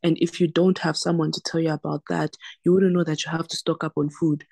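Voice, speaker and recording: A young woman from Zambia and South Africa speaks with a Southern African accent as a podcast guest, a medical doctor recounting her own experiences and repeating words for emphasis. Her voice is low, gravelly and darkish, with a flat, brisk delivery and no echo.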